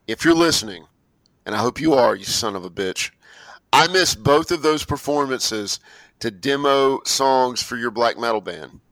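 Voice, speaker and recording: Male podcast co-host, crisp forceful tone, sardonic banter, dead-dry recording. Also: medium pitch, animated, normal speed, no room sound, rough recording. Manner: joking, sardonic, stammers. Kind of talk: casual music podcast chat.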